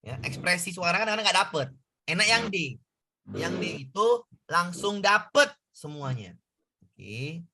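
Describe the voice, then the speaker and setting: A man's voice: sits high, very animated, a little slow, gravelly, a crowd in the background. A man tutoring a class through exam questions, talking casually and quizzing his students as he goes. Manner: conversational, asks students questions. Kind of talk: exam prep lesson.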